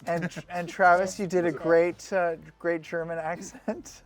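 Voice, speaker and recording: A woman on a casual panel chat, praising others with halting restarts. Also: lowish voice, flat delivery, crowd noise. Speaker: actor on a panel.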